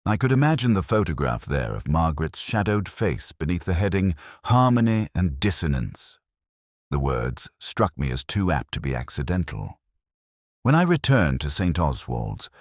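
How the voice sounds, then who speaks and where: Speaking as a brooding police inspector, an extremely deep-voiced man narrates his own mystery tale from a script in the first person. He sounds sceptical and reflective, keeping a measured, literary pace while his pitch rises and falls expressively. The recording is close and dry, and he stays fully in character.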